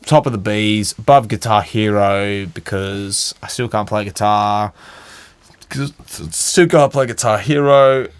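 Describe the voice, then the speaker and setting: A man's voice: on the low side, a little slow, clear, resonant tone. A man co-hosting a casual gaming chat, boisterous and swearing, full of mock-outraged banter. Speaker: podcast co-host.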